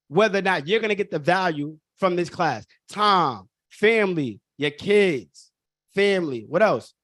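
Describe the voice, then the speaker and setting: A high-voiced man, hosting a live online workshop. He drives his points home through emphatic repetition and keeps calling the audience y'all. The sound is dry and close, with no room around it. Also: no echo. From Brooklyn. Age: 30s. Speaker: workshop host.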